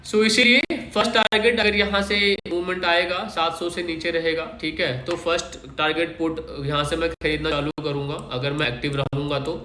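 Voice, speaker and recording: A man's voice: on the high side, little pitch movement, a little fast, few pauses, pushed and bright, slight background noise. A man hosting his own trading channel, casually walking viewers through the day's chart and explaining as he goes, often checking in with them. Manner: explanatory, keeps checking in with listeners. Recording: echoey room.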